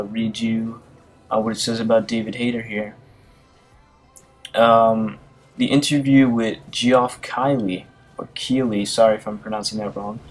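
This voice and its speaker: A man's voice: lowish voice, rough recording. A man casually narrating gaming news and reading articles aloud, hesitating often with fillers and restarts. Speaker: gaming video commentator.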